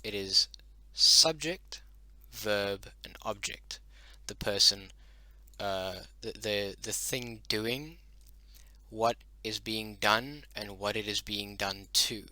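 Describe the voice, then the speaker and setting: A hobbyist whose first language comes from Dutch teaches his invented language in a casual spoken lesson, hesitant and full of ums, restarts and self-corrections. His fairly low voice sounds very bright and forward. The recording is dry, with almost no room sound and no echo.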